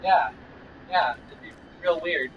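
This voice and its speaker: A man co-hosting a gaming stream, tossing in quick jokey replies and the odd curse while he plays. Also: fairly high pitch. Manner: quick short replies, jokey, swears mid-play. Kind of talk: casual chat while playing a video game. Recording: distant mic with clear background noise.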